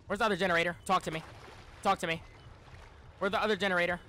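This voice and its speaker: His voice sits high and comes out rapid-fire, bright and forceful with fairly even intonation, strained as though he's losing it, and he keeps clearing his throat. The young adult is casually live-streaming a horror game, talking to chat in slang and repeating exasperated pleas. There's a little hiss or hum.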